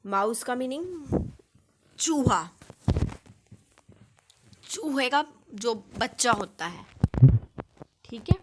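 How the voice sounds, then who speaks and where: Woman, kindergarten phonics teacher; unhurried, repeats each sound, a bit high. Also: animated, background noise. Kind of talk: phonics lesson for young children.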